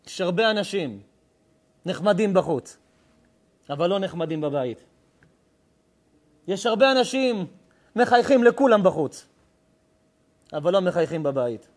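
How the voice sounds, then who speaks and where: A middle-aged rabbi preaching a sermon. His voice sits a little high for a man. He rises into loud, emphatic declaiming and drops into hushed, intense storytelling. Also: expressive, long pauses.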